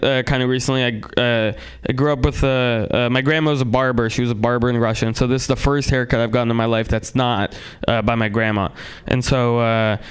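A man doing a rambling, profane stand-up comedy set on a club stage, swinging between loud outbursts and low mutters. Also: clear, resonant tone. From San Francisco, USA.

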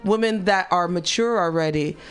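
A woman co-hosting a casual talk show, blunt and profane, with quick quips. Her voice sits slightly low, and faint music runs behind. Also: clear, resonant tone. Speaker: podcast co-host. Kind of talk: casual chat.

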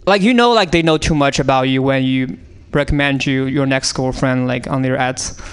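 This man from China, speaking with a Chinese accent, is a comedian riffing on audience prompts in a radio studio. His improvised bits ramble, full of fillers and restarts. His voice is medium-pitched, clear, and resonant, at a moderate pace.

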